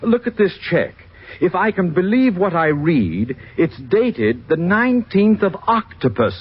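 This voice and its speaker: A man's voice: sits high, big pitch swings, a little slow, husky, heavily acted. An actor playing a pompous older male bank president in a 1950s radio comedy, blustering and condescending. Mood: exasperated. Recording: dull old 1950s radio recording.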